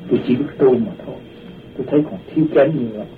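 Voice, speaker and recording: Talking very fast in a medium-pitched voice, a man animatedly relates a personal story from his past, voicing the people in it as he goes. Background noise runs under the tinny, distant, phone-like recording of this spoken testimony.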